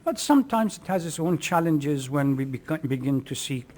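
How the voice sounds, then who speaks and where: A man from Iraq, an imam, answering radio interview questions in a measured, hesitant way with many pauses and fillers, at a table mic. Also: fairly high pitch, lively intonation, darkish tone. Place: mosque event room, live broadcast table. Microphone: table mic with headphones.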